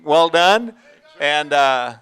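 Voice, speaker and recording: A man's voice: fairly high pitch, lively intonation, drawn-out words, fairly bright tone, smooth. A man hosting a live student auction, interviewing and introducing the sellers in a folksy, bantering way. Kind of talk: live event emceeing and interviewing. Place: live auction event before an audience.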